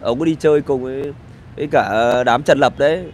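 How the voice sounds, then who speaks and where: A middle-aged male vlogger rants from a street in a casual outdoor video, sarcastic, crude, rambling and swearing. His voice is medium-pitched, brisk and a little mellow, with slight background noise.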